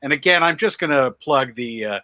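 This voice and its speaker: A man's voice: mid-range voice, lively intonation, moderate pace, sharp tone, no echo. A man co-hosting a podcast, upbeat while plugging shows. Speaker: podcast co-host. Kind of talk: casual plugging.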